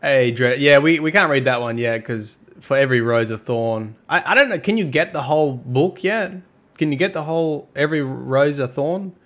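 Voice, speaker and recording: A man's voice: medium pitch, normal speed, a bit bright. Chatty man reading game lore live. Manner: chatty, trips over hard words. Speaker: live streamer.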